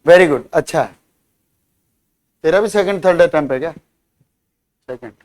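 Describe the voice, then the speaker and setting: A man's voice: a little high, a little fast. A man teaching a vocabulary lesson in a classroom, spelling words out letter by letter, quizzing and teasing his students. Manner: teasing, scolding banter with students. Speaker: English teacher.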